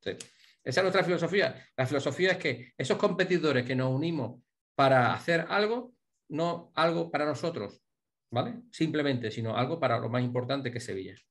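A man's voice: on the high side, animated, brisk, a bit bright. Joking middle-aged Spanish man storyteller. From Spain. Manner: jokey anecdote teller, many restarts. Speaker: hotel director, guest. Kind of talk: casual interview, storytelling.

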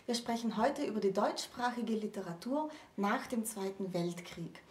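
In a small, book-lined indoor room, a thirtysomething woman hosts a conversational literature discussion, articulately explaining ideas and raising questions. Her mid-range voice has lively intonation and a moderate pace. The mic is distant, so the audio sounds roomy.

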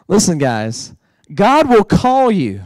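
A male pastor preaching with an animated, playful, conversational delivery. His voice sits high for a man and swings widely, and the recording is close and dry. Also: no room sound. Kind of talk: sermon.

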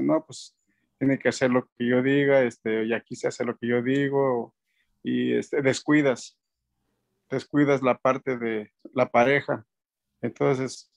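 A medium-pitched man in his fifties, his voice showing vocal fry, joins a video call from a room at home as a guest. He is a band's keyboardist, chatting casually and rambling with lots of fillers and restarts, picked up by a webcam.

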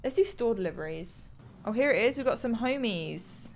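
Casting: woman, 20s, English accent, animated live-stream gamer, chatty to viewers, faint background noise. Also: fairly high pitch, moderate pace. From England. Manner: chatty, thinking aloud to viewers. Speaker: game streamer. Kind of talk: casual live gameplay commentary. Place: small room at home. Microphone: close desk microphone.

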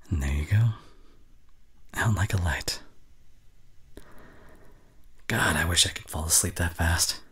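In an intimate ASMR roleplay, a young man voices a caring boyfriend who is anxious yet reassuring, speaking tenderly and haltingly in a breathy voice that often slips into whispers. His voice sits low with a bright, forceful tone, heavily acted in a dry recording. The mood is soothing and tender.

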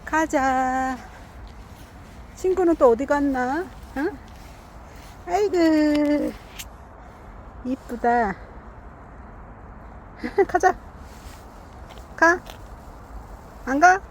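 A middle-aged woman outdoors, talking to stray cats in a coaxing, teasing baby-talk way with soft laughs. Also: high voice, extremely slow, long pauses, a little hiss or hum. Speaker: cat feeder vlogger. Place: outdoors among grass.

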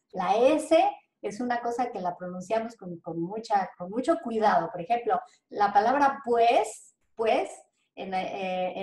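A Mexican woman explains in an animated, rambling way, sounding out example words as she goes. Her voice has a middle pitch and carries a roomy echo. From central Mexico. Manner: animated, demonstrates pronunciations, many fillers. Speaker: linguist guest. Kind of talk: explanatory interview talk.

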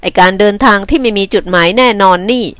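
A woman's voice: medium pitch, fast talker, a bit bright, clear, resonant tone, no echo, natural voice. A woman reading a novel aloud, voicing a brusque young man who talks in a curt, scolding way. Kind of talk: novel reading with voiced dialogue.

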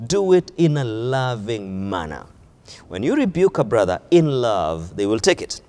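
A man's voice: on the low side, very animated, measured pace, dark tone, big-room sound. A man with a Kenyan accent preaching a sermon in a church, stressing key phrases by repeating them. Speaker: pastor.

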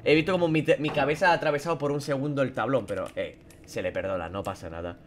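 A man's voice: mid-range voice, fast talker, a little hiss or hum. A young man from Spain with a Spain Spanish accent, commentating a horror game as he plays it. He swears and yelps at the scares, then drops to mutters between them. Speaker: gaming YouTuber.

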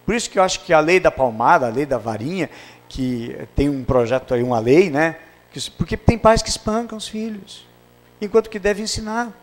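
Middle-aged pastor guy from the south, preaching, slightly higher voice, acts out the dialogue, goes loud then real quiet. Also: lively intonation, moderate pace. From Brazil. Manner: storytelling with acted dialogue, swings from loud to hushed. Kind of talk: sermon.

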